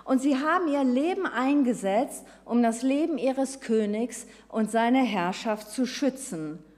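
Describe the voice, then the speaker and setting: A woman's voice: on the high side, expressive, measured pace, darkish tone, long reverb tail. A woman preaching a sermon who retells the story vividly and speaks straight to her listeners. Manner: storytelling, addresses listeners directly.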